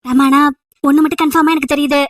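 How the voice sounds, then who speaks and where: A woman's voice: high-pitched, fairly even intonation, dry recording, natural voice. A woman playing sarcastic college girl Meera. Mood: annoyed. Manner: sarcastic, scolding, rapid rhetorical questions. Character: sharp-tongued, irritated young female college student. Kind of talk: amateur audio drama.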